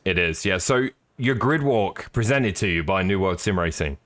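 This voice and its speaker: A man's voice: deep voice, expressive, moderate pace, fairly bright tone, no room sound. A man giving live, chatty sim racing commentary with jokey, apologetic asides.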